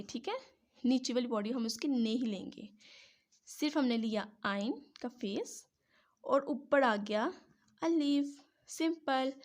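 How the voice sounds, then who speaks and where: A woman patiently teaching how to join Arabic letters, step by step, pausing often to check in. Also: high voice. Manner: patient, says "theek hai" between each step. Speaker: Quran teacher. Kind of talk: step-by-step writing lesson.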